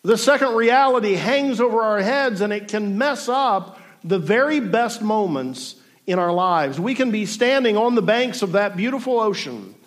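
A man in his forties delivers a reflective sermon in a notably high voice. He speaks to a congregation in a room and mixes in dry, self-deprecating humor. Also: expressive, normal speed. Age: 40s. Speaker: pastor.

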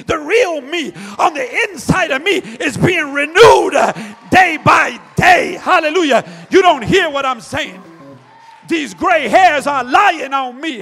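A middle-aged man preaching a fervent sermon in a church, shouting and calling out hallelujah again and again. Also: very high-pitched, creaky. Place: church sanctuary. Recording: long church reverb with faint music.

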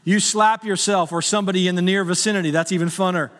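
A man's voice: high-pitched, fairly even intonation, fast, a bit bright, big-room sound. A middle-aged male pastor preaching a sermon in a conversational, humorous way that rises to urgent appeals.

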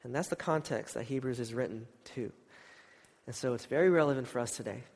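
A man's voice: medium pitch, brisk, darkish tone. A man preaching in an informal, conversational and slightly hesitant way, with a congested, nasal voice. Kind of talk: informal church sermon with scripture reading and prayer. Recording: long hall reverb.

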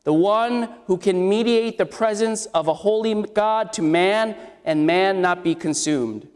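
This preacher's high voice is unhurried, slightly mellow, smooth, and scratchy as he delivers an expository sermon. He keeps a conversational manner and questions the congregation, with long hall reverb in the background.

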